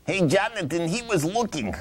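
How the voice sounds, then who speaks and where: A man's voice: high-pitched, lively intonation, moderate pace, pitched above the performer's own voice. A man voicing a simple, eager puppet sidekick with an insistent manner in a puppet show. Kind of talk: puppet show comedy patter.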